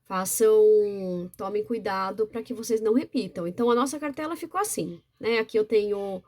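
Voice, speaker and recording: A woman's voice: medium pitch, moderate pace, dark tone. Patient woman teaching step by step. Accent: Brazilian Portuguese. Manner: patient, explains step by step with frequent "né?". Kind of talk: instructional video demonstration.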